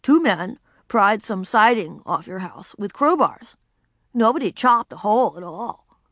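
A woman reading aloud, voicing a calm, serious first-grade boy who speaks in a flat, matter-of-fact way. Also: mid-range voice, a little slow, no room sound, clean studio sound.

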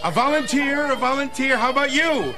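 Hammy high-pitched old stage magician. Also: male voice, animated, brisk, over music. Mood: showy. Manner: theatrical showman, hammy patter. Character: bumbling, eager old stage magician cousin. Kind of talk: sitcom acting. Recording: noisy studio audience ambience.

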